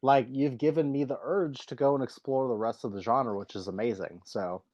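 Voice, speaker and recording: A man's voice: mid-range voice, moderate pace, a little mellow. Chatty male interviewer, dull audio. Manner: chatty, filler-heavy, enthusiastic. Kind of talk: casual interview talk.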